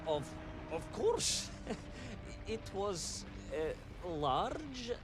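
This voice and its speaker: Stammering nervous explorer. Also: male voice, high-pitched, sing-song, drawn-out words, heavily acted. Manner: hesitant, stammering, evasive. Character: bumbling nervous male explorer reporting back. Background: game music.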